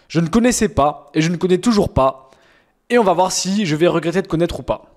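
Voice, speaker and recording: A man's voice: sits high, lively intonation, fairly quick. A young man streaming, reacting to fan-sent rap songs in casual, slangy talk with mocking, exaggerated complaints.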